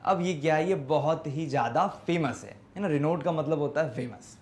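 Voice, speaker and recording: Man, Indian accent, teacher, high voice, slow deliberate reading, self-questioning explanations. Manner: explains slowly, repeats words, asks and answers his own questions; reads English text slowly and deliberately. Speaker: English teacher. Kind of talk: classroom lesson explanation in Hindi and English.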